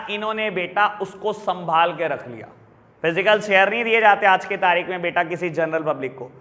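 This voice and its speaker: Man, Indian accent, middle-aged teacher, high bright voice, repeats key terms slowly, long room reverb. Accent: Indian English. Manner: mixes Hindi and English, calls students "beta", repeats key terms slowly. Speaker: business studies teacher. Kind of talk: classroom lecture to students.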